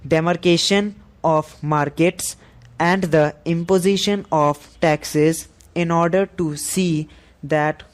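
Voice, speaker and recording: A man reading a scripted dictation for shorthand practice, in a deliberate, measured way with pauses between phrases. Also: a little high.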